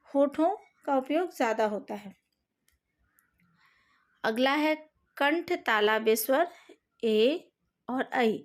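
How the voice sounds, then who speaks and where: A woman teacher with a high voice talks slowly and deliberately through a recorded lesson. She pronounces each sound with care and addresses her students directly. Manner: careful, slow, spells out each vowel sound; speaks to students directly, asks them to fix slides. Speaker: Hindi teacher.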